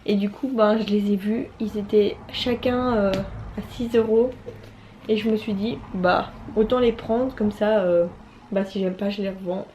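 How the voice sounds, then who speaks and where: A woman's voice: mid-range voice, fairly even intonation, unhurried, warm tone, a little hiss or hum. A young woman and student chatting casually about books for her vlog, with many fillers and restarts. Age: young adult. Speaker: book vlogger. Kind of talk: casual chat.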